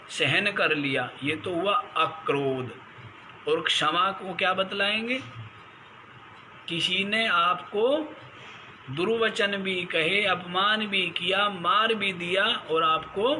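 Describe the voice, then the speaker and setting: High-voiced, slow-speaking swami expounding scripture. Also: male voice, pushed and bright, slight background noise, rough recording. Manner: asks the listeners rhetorical questions; chants Sanskrit verses. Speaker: swami teaching the Gita. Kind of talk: spiritual discourse on scripture.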